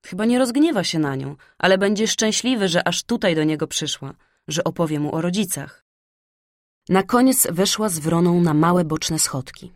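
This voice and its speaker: A woman narrating a fairy tale in a soft, hushed storytelling manner. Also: lowish voice, lively intonation, normal speed, no echo, clean studio sound. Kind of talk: storybook reading.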